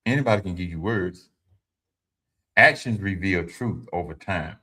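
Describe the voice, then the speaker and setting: Man in his fifties, low and forceful, livestream host with a preachy advice style. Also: unhurried. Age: 50s. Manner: informal and preachy, repeats his points; speaks to viewers directly, answers chat. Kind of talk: motivational talk to a live audience.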